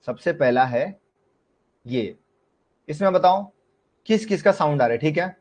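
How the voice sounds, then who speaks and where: A man's voice: on the high side, animated, a little slow, a little mellow. Indian man teaching a live online class. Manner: explains in Hindi mixed with English terms, questions students often. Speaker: shorthand teacher.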